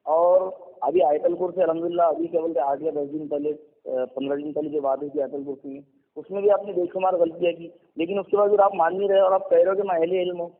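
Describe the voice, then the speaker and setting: A man with an Indian Urdu accent scolds his opponent in a religious debate and leans on repeated fillers. His voice is fairly high. It comes through a tinny phone line with a long, echoing tail. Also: fairly even intonation.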